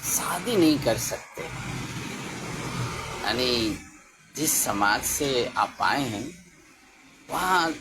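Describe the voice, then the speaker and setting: A man preaching a sermon slowly and emphatically, raising his voice for stress. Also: medium pitch, background noise. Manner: slow, emphatic, with rising exclamations.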